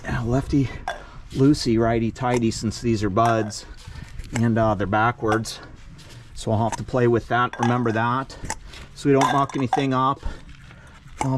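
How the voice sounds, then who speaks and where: A man's voice: mid-range voice, background noise. A man casually narrating his own work on his trucks, rambling and laid-back with lots of fillers, recorded outdoors beside a truck. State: a little out of breath at times. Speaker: vlogger working on his trucks. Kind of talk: casual self-filmed narration.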